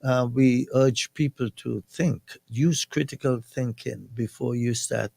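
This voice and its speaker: Male radio guest, Kittitian accent, gravelly fry in a mid-pitched voice, outspoken, close dry studio sound. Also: a little slow, a little mellow, no room sound. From Saint Kitts. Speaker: guest, national security advisor. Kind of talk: radio interview, conversational.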